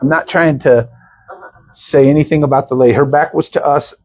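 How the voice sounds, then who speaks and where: Husky man in casual banter. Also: on the high side, fairly even intonation, brisk, darkish tone, highs cut off. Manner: joking, swears freely, repeats himself. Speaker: show host. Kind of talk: casual chat.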